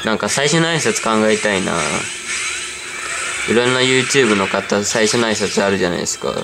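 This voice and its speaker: Man, casual game commentary, drifting and chatty, lower voice, music playing underneath. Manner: rambling, easygoing, talks to himself while playing. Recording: clear background music under voice. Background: background music.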